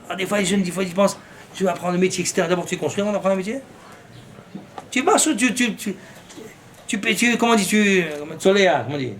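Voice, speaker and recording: A man's voice: sits high, fast, fairly bright tone, slight background noise. A man, a rabbi, giving an impassioned sermon, breaking into fervent rhetorical questions and mixing in Hebrew terms. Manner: mixes Hebrew terms into his speech.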